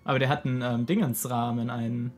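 A man's voice: mid-range voice, steady tone, quick pace, a little hiss or hum. A young man chatting casually with a friend as he plays a game, in a blunt, slangy way. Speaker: let's play gamer. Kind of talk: casual gameplay chat with a friend. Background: game music.

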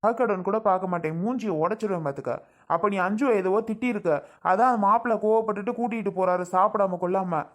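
A man doing a gruff hot-tempered father. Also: high-pitched, fast talker, close to an everyday voice. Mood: angry. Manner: gruff, scolding. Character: gruff father defending his daughter, quick-tempered. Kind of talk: family drama skit.

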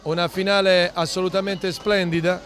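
A man giving live football commentary, dramatic and building to excited goal calls. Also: high voice, normal speed. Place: outdoor football ground. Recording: outdoor stadium with crowd and music behind. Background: crowd and music.

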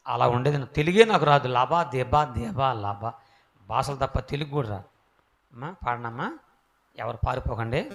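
A man giving his life testimony as a preacher, swinging from hushed, quiet passages to loud, emphatic calls to the crowd. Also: medium pitch, gravelly. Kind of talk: testimony sermon.

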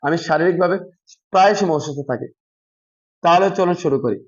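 A man with a high, bright voice gives a lesson to fellow teachers, stretching out every spelled syllable. His side remarks fall lower and quieter. The sound is dull and lo-fi, like a simple home recording. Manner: slow drawn-out spelling demonstrations with quieter low asides. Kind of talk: spoken classroom lesson demonstration.

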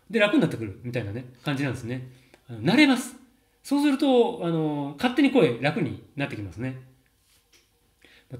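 A man in his thirties, a voice coach explaining in a casual, chatty lesson with many fillers and laughs. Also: on the high side. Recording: roomy echo.

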